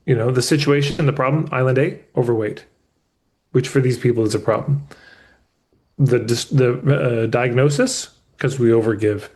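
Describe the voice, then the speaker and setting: A man's voice: medium pitch, normal speed, a little mellow. Candid male coach in live session. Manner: candid, emphatic, with casual swearing; restarts mid-thought as he explains. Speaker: business coach.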